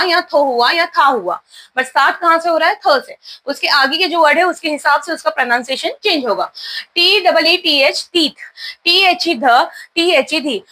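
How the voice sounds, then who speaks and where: A woman's voice: high-pitched, bright, forceful tone. A woman with an Indian accent teaching English pronunciation, spelling each word out letter by letter and then saying it, repeating words as a drill.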